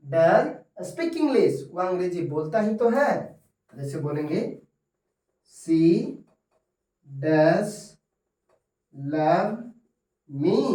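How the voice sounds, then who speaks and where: Male tutor, high voice, unhurried, heard in an echoey room a little off-mic, keeps repeating example sentences. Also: darkish tone, distant mic. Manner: repeats examples slowly, often says 'दोस्तों'. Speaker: English teacher. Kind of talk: Hindi-medium grammar lesson.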